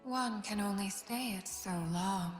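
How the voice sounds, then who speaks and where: A woman voicing a serene, solemn spirit lamb of death, speaking in calm, measured, poetic lines for a video game. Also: medium pitch, natural voice. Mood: solemn, cool. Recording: echoing game voice over loud music.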